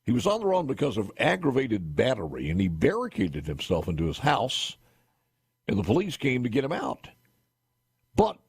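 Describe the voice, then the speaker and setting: An older man hosts a radio talk show from a studio booth, spinning wry, folksy stories. His voice is a bit husky and swings up and down a lot as he talks. The sound is close and dry at the mic. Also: mid-range voice, no room sound. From Mississippi. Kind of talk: casual radio talk and interview. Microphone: studio boom mic with headphones.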